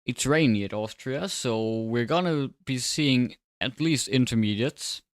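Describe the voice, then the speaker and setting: A man speaking with braces that make his S sounds slightly off, chatting casually and commentating on a livestream in a low-key, dryly sarcastic way. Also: unhurried, no echo, studio quality. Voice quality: slightly slurred, odd S sounds from new braces. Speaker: livestreamer and sim racing commentator.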